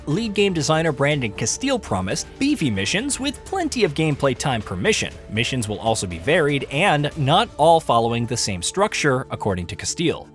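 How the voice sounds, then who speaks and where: Male narrator for a scripted gaming countdown list, animated intonation, slightly high voice, music underneath. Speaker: video narrator. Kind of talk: scripted top ten countdown narration of a video game.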